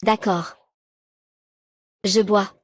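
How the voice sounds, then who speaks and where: A woman's voice: mid-range voice, steady tone, drawn-out words, dry recording, studio quality. A woman reading dubbed drama dialogue, giving every character's lines in the same plain voice. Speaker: dub voice for a drama recap.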